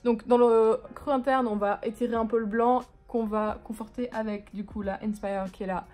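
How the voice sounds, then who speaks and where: A woman's voice: a little high, fairly even intonation, moderate pace, darkish tone, soft background music. A woman doing a casual makeup tutorial at home, chatty, rambling and self-mocking, with casual swearing. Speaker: beauty vlogger. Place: living room at home, on a couch.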